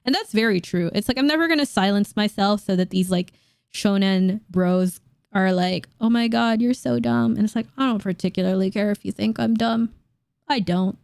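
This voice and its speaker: A woman in her late twenties reacting to online comments in a casual vlog, blunt and quick to laugh, swearing casually. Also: mid-range voice, vocal fry, darkish tone, clear, resonant tone, no echo, clean studio sound. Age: late 20s. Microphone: dynamic studio mic.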